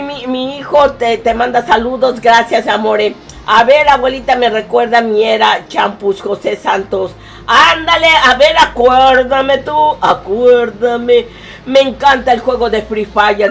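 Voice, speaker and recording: A woman's voice: on the high side, a bit bright, slight background noise. Affectionate Mexican woman streamer. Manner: affectionate, calls viewers "my love", sings snatches. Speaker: game streamer. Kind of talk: live game stream, reading chat.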